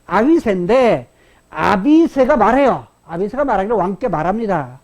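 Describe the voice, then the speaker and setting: A woman's voice: medium pitch, sing-song, normal speed, darkish tone. A woman pastor preaching a Sunday sermon, often asking the congregation questions and repeating key phrases. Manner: dramatic voicing of quoted insults.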